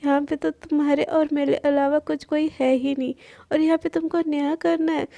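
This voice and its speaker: A woman voicing a sulky, scolding young woman in a spoken story, grumbling and quick to complain. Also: high voice, level tone, vocal fry, dark tone, dry recording.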